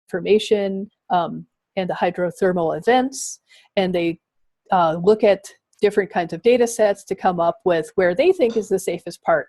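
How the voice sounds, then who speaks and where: Woman presenting a webinar, mellow and dry. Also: on the low side, no echo. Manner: explanatory, with frequent ums and uhs.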